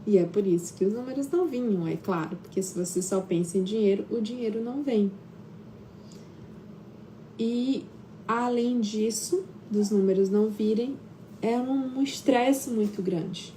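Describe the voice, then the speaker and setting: A woman's voice: on the high side, normal speed, mellow, slight background noise. A woman with a Brazilian Portuguese accent, a therapist hosting a live stream from home, talks casually with frequent tag questions and hesitations. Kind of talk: casual live-stream talk, personal storytelling.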